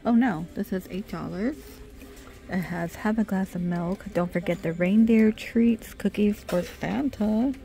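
Faint music plays behind a middle-aged woman whose medium-pitched voice is a little slow, creaky and mellow. She's a shopping vlogger narrating a casual department store browse on her handheld phone camera, reading product names and prices aloud.

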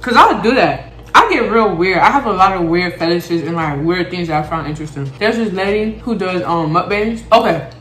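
A woman's voice: lowish voice, fairly quick, a bit bright. A young woman from Florida chatting casually and frankly as she eats on camera, swearing freely and talking between bites. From Florida, USA. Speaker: mukbang vlogger. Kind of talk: casual chat while eating. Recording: echoey home room.

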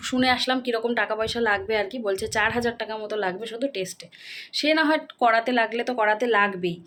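A woman, chatting quickly and casually to her viewers while vlogging at home. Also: fairly high pitch, fairly bright tone, a little hiss or hum. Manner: rapid chatty talk with fillers. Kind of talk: casual vlog chat to viewers.

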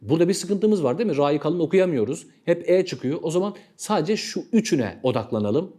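A man's voice: fairly high pitch, lively intonation, warm tone. Patient Turkish man teaching recitation. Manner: patient, repeats phrases slowly with demonstrations. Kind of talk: tajweed lesson.

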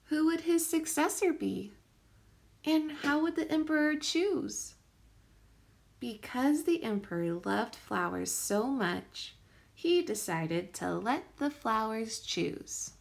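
A woman reading a children's picture book aloud as a teacher would, with careful, expressive storytelling emphasis. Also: fairly high pitch, slow pace, gravelly.

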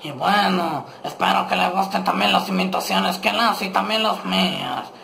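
A man's voice: high voice, fairly even intonation, moderate pace, vocal fry, bright, forceful tone, a little hiss or hum, exaggerated voice. A man doing a grumpy nasal cartoon squid. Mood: cranky.

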